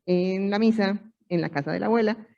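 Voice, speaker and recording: A woman's voice: medium pitch, a little fast, creaky, darkish tone, muffled recording. Earnest woman explaining parenting, distant mic. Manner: earnest, asks rhetorical questions. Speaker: panelist on parenting. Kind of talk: explanatory panel talk.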